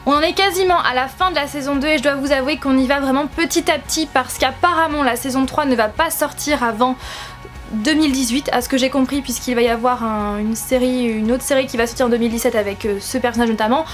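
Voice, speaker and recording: A young woman from France chats at home about her collection with high, bubbly enthusiasm. She gushes and stumbles over repeated words, and soft music plays faintly behind her. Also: fast talker. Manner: enthusiastic, gushing, many hesitations and repeated words. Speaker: YouTuber showing her collectible figures. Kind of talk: casual chat to camera.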